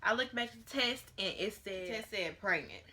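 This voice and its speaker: A woman's voice: mid-range voice, animated, brisk, pushed and bright. A woman in her late teens, vlogging at home to a camera on a tripod and chatting casually with lots of fillers. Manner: chatty and rambling, with many fillers. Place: at home, near her bedroom.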